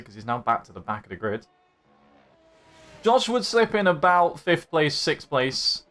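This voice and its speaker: A man's voice: mid-range voice, a bit bright. A young man hosting a live-streamed racing league, commenting on strategy and teasing his chat in a jokey, chatty way.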